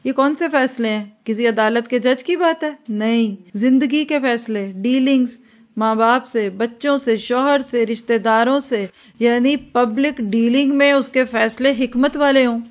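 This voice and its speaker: A woman giving an earnest religious lecture that explains each point and slips English words into her speech. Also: on the high side. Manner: earnest, explanatory, acts out quoted dialogue. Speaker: religious teacher. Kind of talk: Islamic lecture. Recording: dull lo-fi recording.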